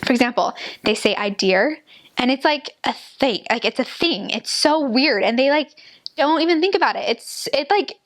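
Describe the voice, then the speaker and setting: A woman in her twenties chatting casually and telling humorous anecdotes in a giggly, animated way, with "like" sprinkled throughout. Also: high voice, normal speed. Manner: giggly, animated storytelling with frequent "like". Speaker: former missionary telling stories.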